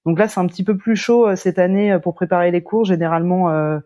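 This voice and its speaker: A woman from the French Atlantic coast, a sailor in an interview, speaking hesitantly and often pausing to search for words. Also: on the low side, fairly even intonation, dark tone, dull audio. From La Baule, France. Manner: hesitant, many fillers and restarts. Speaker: sailor guest. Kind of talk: casual interview chat.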